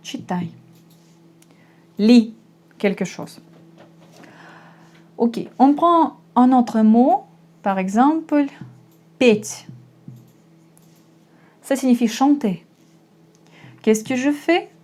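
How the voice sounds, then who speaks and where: Lady giving a language lesson, takes her time, soft dark tone. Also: a little high, animated. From Russia. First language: Russian. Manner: slow, patient explaining with repetitions. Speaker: Russian language teacher.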